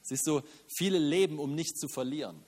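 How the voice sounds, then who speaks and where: A man preaching a sermon in German, animated, with rhetorical questions, self-mocking asides and frequent "Amen". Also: on the high side, moderate pace, slightly rough, long reverb tail. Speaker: pastor.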